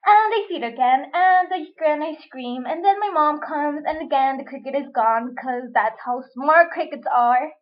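A woman's voice: sits high, moderate pace, few pauses. A young woman vlogger telling a story casually and dramatically, swearing often and full of fillers, on a dull lo-fi recording.

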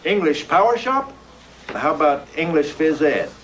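A middle-aged actor playing a genial, self-deprecating school principal who chats easily. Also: male voice, on the high side, big pitch swings, normal speed, fairly bright tone, rough recording. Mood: amiable.

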